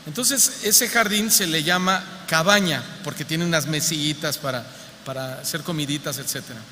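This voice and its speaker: A man with a Mexico City accent preaches to his congregation, keeping it conversational and humorous and firing off rhetorical questions. His voice sits a little high and rings bright and forceful. The church hall gives it a long reverb over a faint background hum. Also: moderate pace. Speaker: pastor. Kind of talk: sermon.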